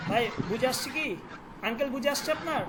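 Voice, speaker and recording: Patient teacher drilling words, noisy recording. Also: high voice. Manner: repeats words slowly for pronunciation, asks students questions. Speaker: Persian language teacher. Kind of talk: online language lesson.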